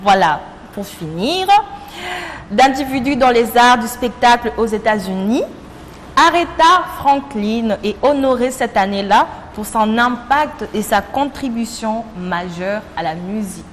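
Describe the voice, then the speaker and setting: Young congolese woman hosting a tv chat, bit high voice, chatty and playful, long echo in the studio. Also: lively intonation, measured pace, a little hiss or hum. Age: young adult. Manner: chatty, playful, laughs at herself, sometimes sings a line. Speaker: TV show host. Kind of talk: casual on-air chat. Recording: long reverb, faint ambience.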